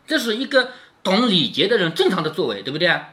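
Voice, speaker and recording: A man reads a classic novel to his daughter at home and stops often to explain it in plain, chatty terms. His pitch moves a lot, and he drops low for quick check-in questions. The tone is bright and forward. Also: very animated. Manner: chatty, keeps asking "right?" with a dropping tag. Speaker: father reading to his daughter. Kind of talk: storytelling with casual commentary.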